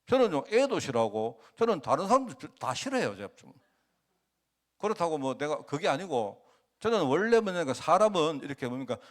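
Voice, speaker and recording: Animated Korean man preaching. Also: fairly high pitch. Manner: conversational, animated, asks the congregation rhetorical questions. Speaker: pastor. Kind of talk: sermon. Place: church.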